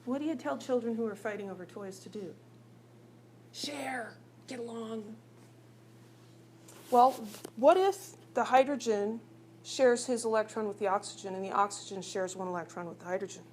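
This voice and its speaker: A woman's voice: mid-range voice, a little fast, a little mellow. Chatty woman chemistry teacher, faint hum. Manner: chatty, teasing, asks the class questions. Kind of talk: recorded classroom lecture.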